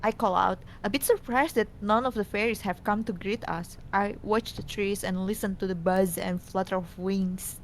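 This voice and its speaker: A woman's voice: steady tone, moderate pace, few pauses. A woman narrating a scripted game story aloud, now and then stumbling over the reading. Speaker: co-host reading a visual novel aloud. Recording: noisy, low rumble behind.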